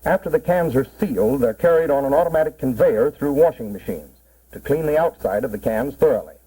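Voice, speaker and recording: A man's voice: medium pitch, animated, a little fast, mellow, husky. A man narrating a 1940s promotional film as a cannery guide, in a plain, instructive mid-century style. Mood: matter-of-fact. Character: cannery man proudly explaining the packing process. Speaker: narrator explaining a cannery tour. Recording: muffled, worn 1940s film soundtrack.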